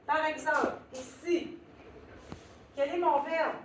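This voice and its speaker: A woman with a high voice teaches a classroom, slow and patient, repeating and spelling out each word and laughing at her own slips. She is heard from across a very echoey room with clear background noise. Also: fairly even intonation, distant mic. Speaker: French teacher. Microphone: far recorder in the room.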